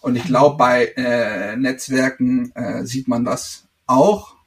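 A man's voice: medium pitch, steady tone, takes it slowly. A man, a guest in a casual interview, talking hesitantly with many filler sounds. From Netherlands. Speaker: podcast guest.

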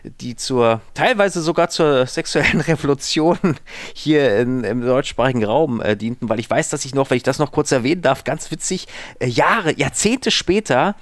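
A man's voice: mid-range voice, normal speed, hardly any pauses, no echo. A man from Berlin, a podcast guest, telling stories from his bed in a rambling, hesitant casual chat full of fillers. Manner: rambling, digressive, with many hesitations.

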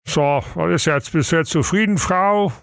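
A man's voice: on the high side, normal speed, creaky, clean tone, no room sound, studio quality, pitched above the performer's own voice. Good-natured, put-upon working man in a comic audio fairy tale, weary and exasperated, voice a bit lifted, played by a man. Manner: weary, exasperated, sing-song rhymes. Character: good-natured, henpecked middle-aged excavator driver.

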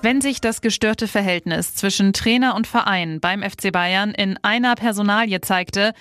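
Woman, news presenter, scripted voice-over, brisk even read, dry close sound. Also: medium pitch, no echo, soft background music.

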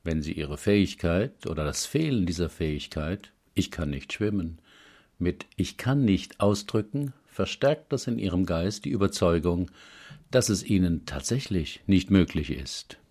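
Man, very low voice, husky, calm and measured, reading self-help advice aloud.

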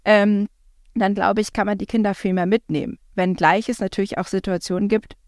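A woman's voice: medium pitch, steady tone, fairly quick, a little mellow, dry recording, studio quality. A woman, a parent, talking in a chatty, reflective way with frequent fillers. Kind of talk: casual conversation.

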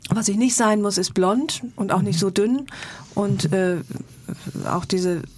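A woman's voice: medium pitch, unhurried. Self-mocking middle-aged woman telling stories. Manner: lively storytelling, self-mocking. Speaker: guest. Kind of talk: talk show interview.

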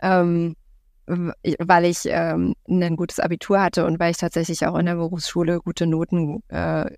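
A woman in her thirties from Berlin, talking casually as a podcast guest, thoughtful and full of filler sounds and pauses. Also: on the low side, level tone, darkish tone, no room sound, studio quality. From Berlin, Germany. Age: 30s. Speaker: podcast guest, real estate investor. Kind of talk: casual interview talk.

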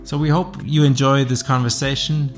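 A man's voice: medium pitch, little pitch movement, normal speed. Guy hosting a podcast, reading his intro, faint music behind. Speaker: podcast host. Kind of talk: scripted introduction.

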